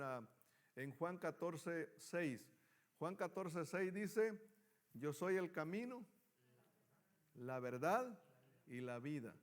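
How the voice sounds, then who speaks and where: A man teaching a Bible study class, reading scripture aloud and putting questions to his students. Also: on the high side.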